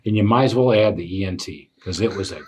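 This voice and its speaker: Husky-voiced male podcast host, lowish, spins lively anecdotes. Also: quick pace. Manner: animated storyteller with fillers. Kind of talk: casual storytelling chat.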